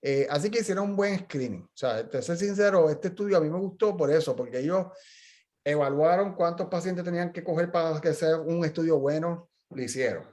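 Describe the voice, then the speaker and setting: Chatty male physical therapist, higher voice. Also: a little fast, a little mellow. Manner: chatty storyteller, explains with frequent restarts. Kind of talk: casual journal club discussion.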